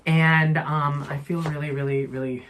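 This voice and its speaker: A woman's voice: sits low, fairly even intonation, moderate pace, a little hiss or hum. A woman travel vlogger chatting casually to a handheld camera, rambling with lots of fillers, while walking through city streets and in a hotel room. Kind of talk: casual vlog chat to camera.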